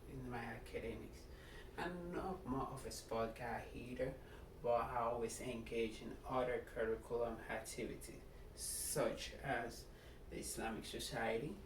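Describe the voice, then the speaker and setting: A middle-aged man with a Nigerian accent giving a prepared self-introduction speech as a student, earnest and deliberate, speaking in short phrases. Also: mid-range voice. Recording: echoey room, distant mic, background noise.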